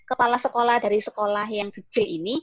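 A woman's voice: medium pitch, fairly even intonation, fast, highs cut off. A woman in her twenties from East Java, a teacher chatting in an interview and telling her story. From Malang, East Java. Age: 20s. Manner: chatty storyteller, mimics her own past thoughts. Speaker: guest, vocational school teacher. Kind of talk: casual interview.

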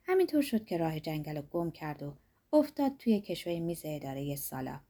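A woman narrating a fairy tale in a soft, dreamy way, her sentences trailing off quietly. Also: low-pitched, sing-song. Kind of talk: storytelling narration.

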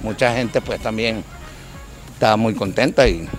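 A man's voice: lowish voice, measured pace, faint music behind. A man giving his opinion in a street interview clip, earnest and plain-spoken. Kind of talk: vox pop interview clip.

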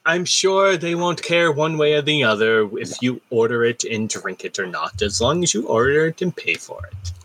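A man acting as game master in an improvised tabletop role-play, animated as he moves between characters. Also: medium pitch, moderate pace, slight background noise, rough recording. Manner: animated, voices several characters.

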